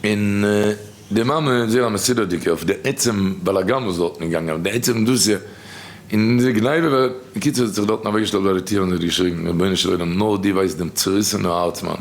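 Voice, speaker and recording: A man with a Yiddish accent giving a sermon, telling stories quickly and quoting people. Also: lowish voice. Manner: rapid storytelling, quoting others. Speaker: rabbi giving a talk.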